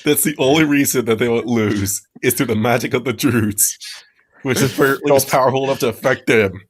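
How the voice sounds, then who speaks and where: A man's voice: medium pitch, fairly quick, slightly rough. A man co-hosting a podcast, reading and joking in a rambling way, often restarting his sentences. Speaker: podcast co-host. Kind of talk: casual chat and reading aloud.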